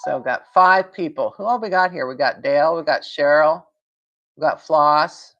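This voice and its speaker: A woman's voice: low-pitched, normal speed, lo-fi sound, soft background music. A woman hosting a casual live stream from home, rambling, laughing and answering viewer comments.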